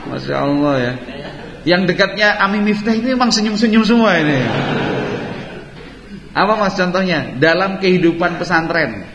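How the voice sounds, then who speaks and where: A man's voice: sits high, expressive, moderate pace, pauses often, crowd noise. Male teacher quizzing students in a hall. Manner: questions students directly, playful and teasing. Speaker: religious teacher at an Islamic boarding school. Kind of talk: interactive classroom lesson. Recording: roomy hall echo, dull lo-fi sound.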